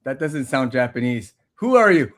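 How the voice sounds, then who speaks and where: A man's voice: mid-range voice, big pitch swings, measured pace, a bit bright. A man hosting a casual video podcast, teasing his guests and laughing often. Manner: playful, teasing, laughs a lot. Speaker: podcast host.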